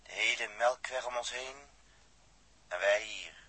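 Dirk, a brooding, self-sacrificing astronaut. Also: male voice, medium pitch, measured pace, breathy edge, low-quality recording. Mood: reflective. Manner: reflective, quiet, grows breathless and faint. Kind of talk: vintage radio drama acting.

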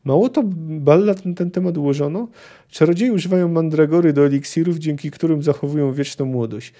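A man's voice: fairly high pitch, fairly quick, dark tone, natural voice. A man reading aloud as a merry, tipsy male bard who chats in a bawdy, tale-spinning way. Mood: gossipy.

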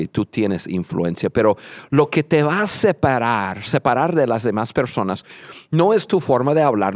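A man's voice: medium pitch, a little mellow, dry recording, clean studio sound. A man co-hosting a podcast who talks earnestly and repeats words as he builds a point. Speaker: podcast co-host.

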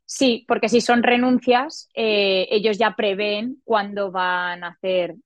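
A woman in her forties, a podcast guest, telling a personal story in a lively way and acting out the voices she quotes. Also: takes it slowly, no echo. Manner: animated, acts out quoted dialogue in a higher voice. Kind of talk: casual storytelling.

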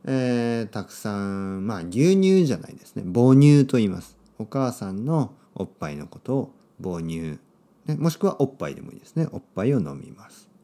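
A man hosting a podcast for Japanese learners, speaking simply with lots of repetition and a playful, expressive delivery. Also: brisk. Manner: clear, simple phrasing for learners with repeated words; expressive and playful, with sudden pitch jumps. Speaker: podcast host and Japanese teacher.

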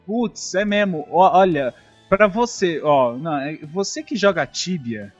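A man's voice: high voice, lively intonation, a little slow. A man with a Brazilian Portuguese accent hosting a casual chat, telling stories with profanity and indignation. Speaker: podcast host. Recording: dull lo-fi audio, faint music.

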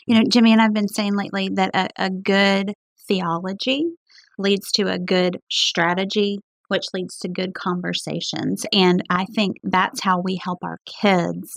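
Gravelly-voiced woman hosting a faith talk. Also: medium pitch, flat delivery, a little slow, no room sound. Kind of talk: conversational church podcast discussion.

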